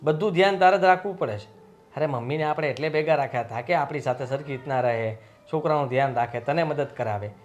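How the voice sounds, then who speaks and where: A man's voice: medium pitch, fast talker, lo-fi sound, lightly acted. A man playing a young husband who scolds his mother in a family drama. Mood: aggrieved. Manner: indignant, scolding. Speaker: son and husband.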